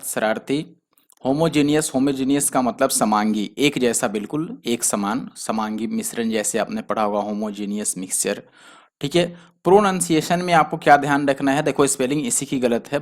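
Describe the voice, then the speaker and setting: A man teaching a spelling lesson for exam students, who explains patiently and spells words out letter by letter. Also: mid-range voice. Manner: explains patiently, spells letters out slowly, often adds "theek hai". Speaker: exam prep tutor.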